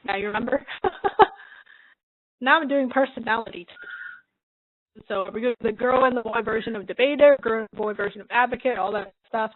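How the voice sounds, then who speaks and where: A woman's voice: a little high, normal speed, long pauses, no room sound. A woman hosting a drawing livestream, chatting casually and laughing often as she works. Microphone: computer mic she adjusts. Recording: narrow phone-like sound.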